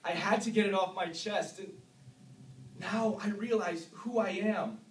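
Male actor as guilt-ridden young veteran, self-loathing and emotional, dramatic monologue; echoey room, faint noise. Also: high-pitched. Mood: broken, pleading. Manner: intense, emotional, halting delivery swinging between hushed and explosive. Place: classroom, indoors. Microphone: far camera. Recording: roomy, distant camera mic with faint noise.

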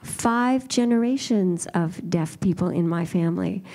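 A woman's voice: fairly low pitch, a little slow, dark tone. A woman interpreting live at a panel, voicing signers' remarks in the first person. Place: auditorium during a live panel.

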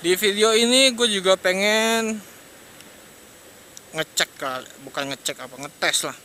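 Chatty young Jakarta man, bright voice. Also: high voice, measured pace. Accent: Jakarta Indonesian. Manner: slangy, hesitant, chatty, laughs often. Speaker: motovlogger. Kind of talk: casual rambling chat while riding. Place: riding a motorbike at night on city streets. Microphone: external mic on a helmet action cam. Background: traffic and engine noise.

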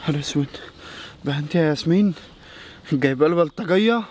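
An actor playing an irritable, flustered suitor, speaking with an Egyptian accent. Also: male voice, on the high side, fast talker, darkish tone, a little hiss or hum, close to an everyday voice. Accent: Egyptian Arabic. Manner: gruff, then flustered. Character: irritable suitor pushed into marriage.

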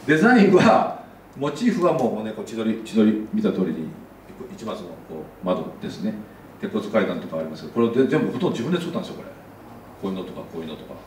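A man's voice: fairly low pitch, big pitch swings, fast, roomy sound, recorded from a distance, a little hiss or hum, low-quality recording. A man giving a casual slide lecture as an architect, chatty, with many asides.

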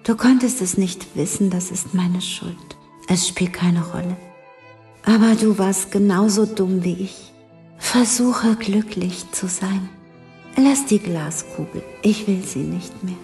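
A woman voicing a proud, delicate female flower in a storybook, speaking softly in a hushed, half-whispered way. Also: medium pitch, soft background music. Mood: tender. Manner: gentle, wistful, slow. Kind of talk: storybook reading.

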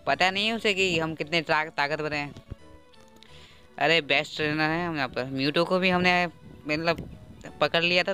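A man's voice: a little high, pushed and bright. A man doing game playthrough commentary with amateur dubbing, joking and self-mocking, recorded on an earphone mic held close to his mouth. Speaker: gaming YouTuber.

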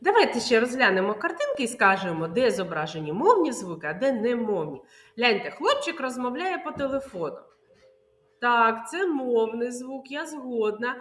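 A woman's voice: a little high, sing-song, moderate pace, fairly bright tone. A woman teaching young children online, drawing out words in a sing-song way and answering her own questions. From Ukraine. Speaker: kindergarten teacher. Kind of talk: online preschool literacy lesson. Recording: echoey room.

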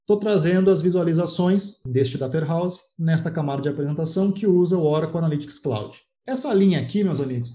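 A man with a somewhat high, mellow voice walks viewers through a slide-based technical presentation. He explains patiently and speaks straight to his audience, setting them challenges. The sound carries a roomy echo. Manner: explanatory, addresses viewers directly, poses challenges. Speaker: cloud data architecture presenter.

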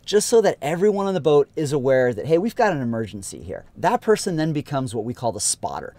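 A sailing instructor in his thirties gives an upbeat, practical lesson outdoors on a sailboat, in a casual instructional style. His voice is fairly high and a little mellow.

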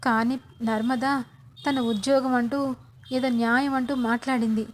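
A distraught older mother-in-law from a TV serial, as a woman narrator plays her. She laments in a pained, heavy way with a slightly high voice. It stays close to everyday speech. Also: fairly even intonation, normal speed, a little hiss or hum, close to an everyday voice. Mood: lamenting.

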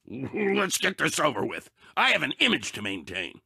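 A man voicing Anger, a short-fused, sarcastic cartoon emotion in a video game, with a raspy, blustering, exasperated delivery. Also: fairly high pitch, huge pitch swings, normal speed, pushed and bright, no echo, exaggerated voice. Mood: scheming, grumpy. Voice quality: raspy, gravelly, tense. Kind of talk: animated video game character acting.

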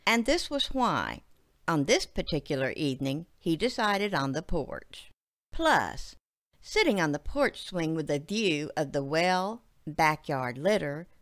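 A woman narrating a literary short story in a measured, expressive way. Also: low-pitched. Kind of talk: audiobook narration.

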